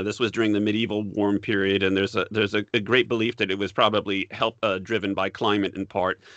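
A man, a professor being interviewed, explaining history in a measured way and repeating words as he thinks. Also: on the low side, a bit bright, no room sound. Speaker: guest, political science professor. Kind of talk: academic interview.

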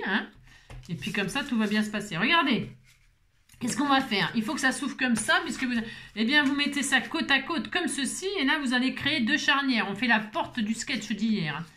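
Feeling unwell with a migraine, a woman chats through a craft tutorial, rambling and self-mocking while talking to viewers as she works. Her voice sits a little high with a fairly bright tone, and a little hiss or hum is audible.

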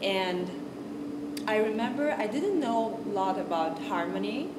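A young woman from Kazakhstan giving an informal music talk to a class, in unhurried English, searching for words and restarting often. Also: medium pitch, animated. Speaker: guest music lecturer. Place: large stage with piano. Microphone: far camera, no handheld mic. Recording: audible background noise on stage.

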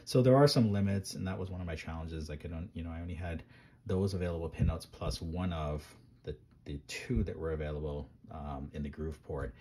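Deep-voiced male maker, loose workbench walkthrough, lots of fillers, light background noise. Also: fairly even intonation, fairly quick, warm tone. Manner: rambling, many ums and restarts. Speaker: maker reviewing microcontrollers. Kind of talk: casual hands-on tech demo.

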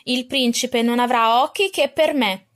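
A woman voicing a vain, boastful young stepsister in a storybook reading, shrill and quarrelsome. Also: measured pace, a bit bright. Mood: boastful, squabbling.

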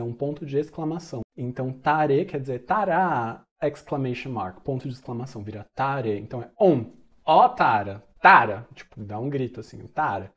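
A man, a Buddhist monk teaching in a casual explanatory video, breaking now and then into slow chanting of a mantra. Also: medium pitch, darkish tone. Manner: conversational, chants the mantra slowly in places.

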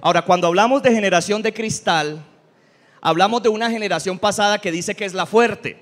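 Man, pastor, sermon, high voice, humorous, middle-aged. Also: brisk. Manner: humorous, animated preaching with audience questions.

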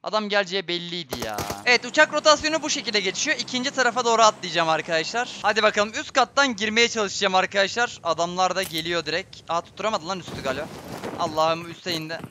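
Speaking quickly in a high voice, a young man streams his gameplay live, muttering plans before erupting in frustration. He's excitable and keeps talking directly to his viewers. There's a little hiss or hum in the recording.

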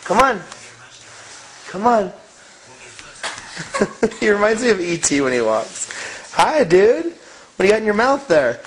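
A woman's voice: mid-range voice, sing-song, a little slow, long pauses, slight background noise, low-quality recording. A mother filming her baby, coaxing him in playful baby talk. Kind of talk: casual family vlog.

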